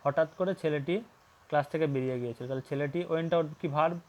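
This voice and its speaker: Man teaching English grammar. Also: fairly high pitch. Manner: reads English lines slowly, then explains with rhetorical questions. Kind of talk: English grammar lesson in Bengali.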